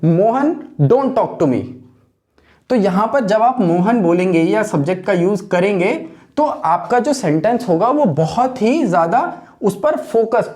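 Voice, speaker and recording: A man teaching an English grammar lesson, who keeps asking rhetorical questions and slows right down to spell out each example sentence. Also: high-pitched, darkish tone.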